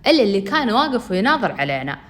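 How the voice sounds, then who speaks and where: A woman's voice: medium pitch, big pitch swings, very fast. A young woman telling a first-person story, chatting directly to her listeners.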